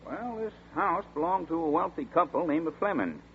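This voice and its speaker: In a 1940s radio drama, an actor plays a chatty, middle-aged small-town sheriff's deputy with a folksy, drawling rural dialect, telling a story. His fairly high voice swings widely in pitch at a moderate pace. The broadcast sound is tinny and scratchy.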